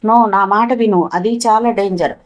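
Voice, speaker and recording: A woman's voice: medium pitch, a little slow, natural voice. A woman voicing a male professor who leads an expedition, in an urgent, commanding manner, as an audiobook character voice.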